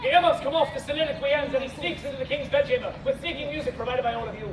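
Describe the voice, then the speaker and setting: A man telling a story to a live festival crowd as a comedy performance, giving his volunteers animated stage directions and shouting now and then. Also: very high voice, very fast, heavy background noise. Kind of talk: live audience-participation comedy retelling. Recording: far-off echoey outdoor crowd recording.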